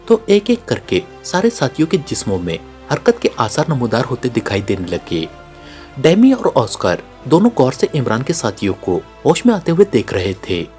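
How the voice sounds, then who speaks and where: A man's voice: mid-range voice, darkish tone. A man narrating a spy novel as an audiobook, reading the story and voicing each character's lines himself.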